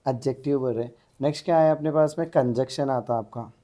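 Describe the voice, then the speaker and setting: A man's voice: medium pitch, quick pace, dark tone. A man teaching an exam-prep English grammar lesson, asking the class questions and answering them himself.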